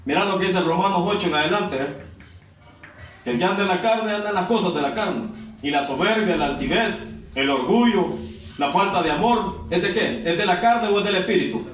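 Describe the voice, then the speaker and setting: A man's voice: high voice, brisk. A male pastor, preaching a sermon and putting questions to the congregation. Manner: repeats "hermano" often, exhorting. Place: church hall. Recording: echoey church from far off, faint noise.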